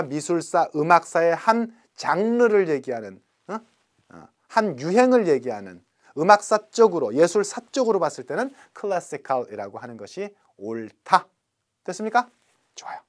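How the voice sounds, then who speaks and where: A middle-aged man teaching English vocabulary in a recorded lecture, chatty and playful, slowing down to spell out English words. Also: high voice, big pitch swings.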